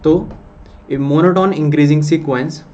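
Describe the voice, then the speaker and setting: Indian male maths tutor, slightly high voice, slow repetitive explaining, dull lo-fi recording with faint hiss. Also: steady tone, mellow. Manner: slow, repetitive explaining, checks in with "theek hai?". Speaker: maths teacher. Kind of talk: online maths lecture. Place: room with lights out.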